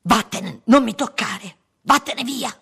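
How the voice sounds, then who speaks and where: A man reading an audiobook voices an enraged, betrayed husband shouting accusations. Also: on the high side, lively intonation, a little fast, slightly rough, full character voice. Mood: raging. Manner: shouting, furious.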